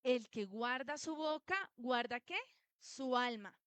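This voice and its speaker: A high, bright woman's voice, preaching in church. Her tone is clean and crisp, and the sound is dry with almost no room echo. She tells stories and asks the congregation questions as she goes. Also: slow pace. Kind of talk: sermon.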